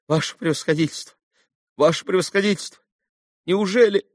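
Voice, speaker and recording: A man's voice: high-pitched, fairly quick, no room sound, clean studio sound, pitched above the performer's own voice. A man voicing a desperate, poor army captain who pleads frantically with a doctor. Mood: pleading. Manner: frantic, imploring.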